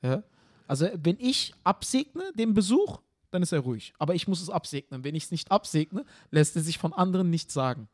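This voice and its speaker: A man co-hosting a comedy podcast, telling stories animatedly in casual chat and often tagging his sentences with quick questions. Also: a little high. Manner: animated storyteller, tag questions, acts out scenes.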